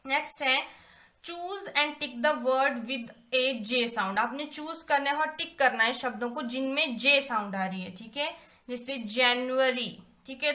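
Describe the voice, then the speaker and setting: A young woman teaches a primary school English lesson in a bright, slightly high voice. She reads the English lines slowly and carefully, then explains them again in simple words. The sound is echoey, as if recorded in a bare room. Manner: slow, careful reading of English sentences aloud; repeats points and checks in with "theek hai".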